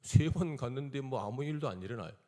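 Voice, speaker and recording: A man's voice: mid-range voice, lively intonation, quick pace, warm tone. A man preaching a testimony sermon in a Gwangyang dialect, telling his story and acting out the quoted dialogue. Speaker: missionary preacher. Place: church hall. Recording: reverberant church hall.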